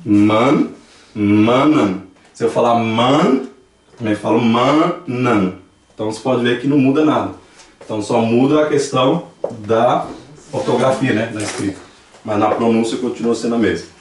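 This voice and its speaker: A man's voice: medium pitch, normal speed, slight background noise. Brazilian man teaching in an echoey room. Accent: Brazilian Portuguese. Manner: patient explaining, repeating examples aloud. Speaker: Dutch language teacher. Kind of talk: classroom lesson. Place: church classroom. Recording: echoey room, distant mic.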